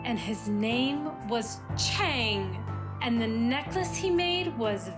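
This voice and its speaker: A woman narrating a children's fable in a calm, unhurried way. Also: a little high. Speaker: storyteller. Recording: with loud music behind.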